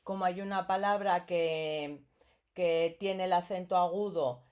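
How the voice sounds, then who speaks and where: A woman's voice: fairly low pitch, fairly even intonation, a little slow, darkish tone. A woman teaching a grammar lesson, explaining patiently and often checking in with the listener.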